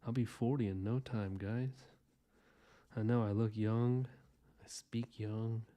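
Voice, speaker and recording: A man in his thirties with a low, mellow voice gives a casual drawing tutorial while he sketches. He rambles in a relaxed, chatty way, restarting his sentences as he goes. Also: slow pace. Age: 30s. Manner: rambling, loose and chatty, lots of fillers and restarts. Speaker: artist hosting a drawing podcast.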